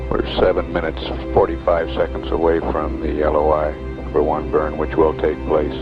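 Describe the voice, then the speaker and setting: A man giving mission control commentary over a dull, lo-fi radio broadcast, reading out figures and updates in a measured way. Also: rumbling low, completely flat delivery. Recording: muffled archival radio audio with music. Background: music playing over the voice.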